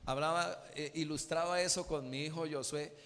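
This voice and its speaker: Un pastor de voz alta predica en una iglesia con eco largo, haciendo preguntas a la congregación y animándola a responder. Su tono es enérgico y cambiante, y la sala resuena detrás de cada frase. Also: male voice, a little high, moderate pace, big-room sound. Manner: questioning the congregation, animated preaching. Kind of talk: sermon. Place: church.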